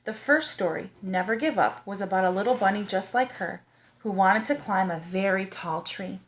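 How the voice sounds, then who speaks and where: A medium-pitched female voice, with slight background noise, narrates a children's story the way a kindergarten teacher would. She keeps it child-directed and inviting, pausing to put questions to her listener.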